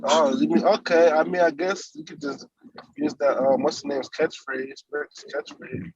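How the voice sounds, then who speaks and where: Husky guy asking what's going on, muffled dry mic. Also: on the high side, moderate pace, no echo. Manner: incredulous, questioning. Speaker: podcast co-host. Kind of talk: casual chat.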